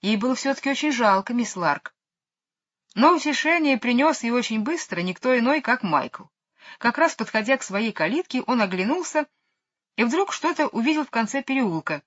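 A woman lively narrating a storybook. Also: fairly high pitch, moderate pace. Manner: lively and expressive. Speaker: audiobook reader. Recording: dull lo-fi recording.

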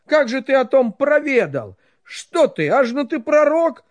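A man voicing a young, simple peasant lad in a storybook reading, protesting and pleading in a high, loud voice. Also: slow pace, dry recording, muffled recording. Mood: defiant.

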